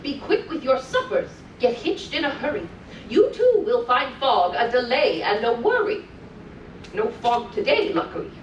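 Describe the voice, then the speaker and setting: A woman as lilting, high-pitched Mrs. Claus storyteller. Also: very animated, normal speed, highs cut off. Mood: cheerful, chatty. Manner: sing-song, encouraging, chatty asides to children. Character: Mrs. Claus, cheerful gentle grandmotherly storybook hostess to children. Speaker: character storyteller at a children's event. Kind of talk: live storytelling to children, rhymed picture-book reading. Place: indoor room on a cruise ship. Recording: distant mic, roomy echo, faint noise.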